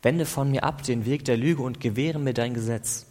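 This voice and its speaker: A preacher with a middle-pitched voice reads psalm verses as a devotional, calm and deliberate. Between verses he stops to explain in an easy, conversational manner, and a long reverb makes it sound like a large hall.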